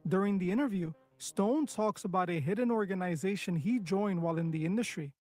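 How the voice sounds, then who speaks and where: Male narrator, high voice, scripted and dramatic, faint background music. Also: a little fast, dark tone. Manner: dramatic, teasing build-up. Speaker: commentary channel narrator.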